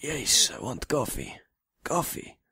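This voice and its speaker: An actor playing a confused, childlike elderly pope, speaking halting broken English in an audio drama. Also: male voice, on the high side, huge pitch swings, creaky, sharp tone, slightly rough, no echo, studio quality, full character voice. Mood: dotty. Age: older.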